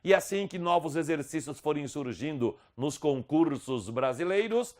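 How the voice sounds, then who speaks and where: A Brazilian man teaching an online lesson, slowly spelling out speech sounds with careful, exaggerated articulation. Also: on the high side, expressive, darkish tone. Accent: Brazilian Portuguese. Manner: slow, over-articulated demonstration of sounds. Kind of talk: video lesson promoting a course.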